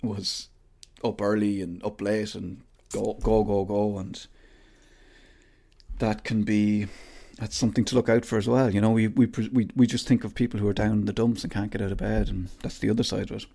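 A man's voice: lowish voice, flat delivery, normal speed, gravelly, mellow, husky. A man hosting a casual podcast interview, informal and rambling as he thinks aloud.

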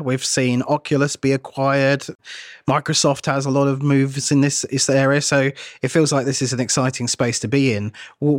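A man's voice: medium pitch, no echo. Casual male host, dry close sound. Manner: casual, enthusiastic. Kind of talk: casual interview.

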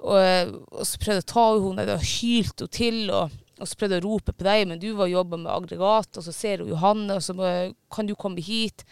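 High-voiced man with a gravelly edge. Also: hardly any pauses, no echo. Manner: animated, swearing storytelling with many fillers. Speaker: storyteller. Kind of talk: casual chat.

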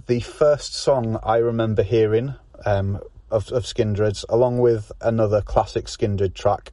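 A man's voice: fairly low pitch, mellow, no echo. A man hosting a podcast, recording a solo intro full of "um"s and enthusiastic praise. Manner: filler-heavy, enthusiastic. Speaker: podcast host.

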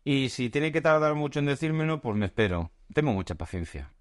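A man's voice: medium pitch, big pitch swings, fairly quick, dry recording. Man with a dry, close voice. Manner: repeats words while thinking, dry reactions. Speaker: podcast co-host. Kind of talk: casual chat.

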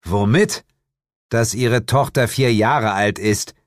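A man's voice: lowish voice, slow, dry recording, voice pushed up. A man voicing a laid-back, teasing police partner in an audiobook. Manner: dry, teasing.

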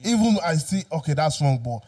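A man's voice: fairly high pitch, big pitch swings, a little fast, dark tone. A young man talking casually in a group discussion.

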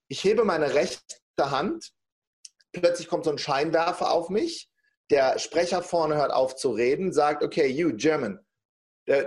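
A middle-aged man telling a personal story in casual conversation, acting out the people he quotes. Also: fairly high pitch. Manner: lively storyteller, acts out quoted speech. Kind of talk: personal anecdote in casual talk.

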